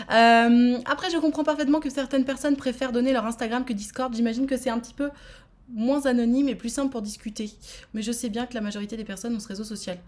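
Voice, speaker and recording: A woman from France hosting a live-streamed speed dating show, chatting casually and playfully with many fillers. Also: fairly high pitch.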